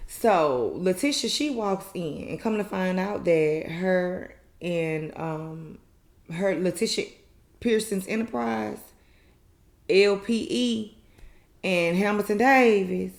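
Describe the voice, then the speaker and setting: A woman's voice: on the low side, takes it slowly, creaky, a little mellow. A woman host giving a casual, chatty recap review of a reality show in a colloquial, filler-heavy way. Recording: echoey room.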